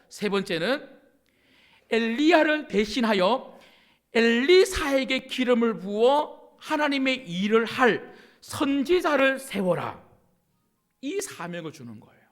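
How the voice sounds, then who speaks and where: A man giving a Sunday sermon as senior pastor, pressing hard on some words and dropping to a hushed voice on others. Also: very high-pitched. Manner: emphatic preaching that swings between loud stresses and soft hushed passages.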